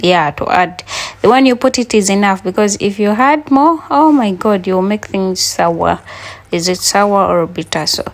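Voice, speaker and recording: A woman's voice: mid-range voice, lively intonation, moderate pace. A woman from Uganda with a Ugandan accent, chatting to her viewers as she cooks breakfast in a casual vlog. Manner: chatty, talks to viewers while cooking. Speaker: cooking vlogger.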